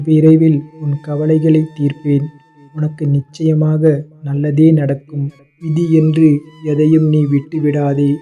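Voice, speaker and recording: A man speaks as a kindly father god, reassuring a grieving devotee as his child. The voice is deep-toned and mellow, read in an almost unvarying line, with soft instrumental music faintly underneath. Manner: tender, reassuring, calls the listener his child. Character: gentle divine father god consoling a devotee. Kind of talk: scripted devotional address.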